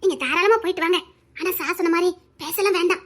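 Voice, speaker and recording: A woman with a Tirunelveli Tamil accent, voicing a kind female police constable in an animated story who speaks in a reassuring, obliging way. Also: extremely high pitch, fast.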